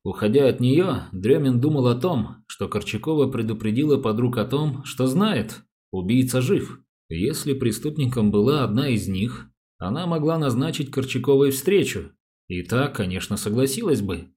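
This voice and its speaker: A man narrating an audiobook with an even, unhurried reading. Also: mid-range voice, husky. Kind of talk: scripted narration.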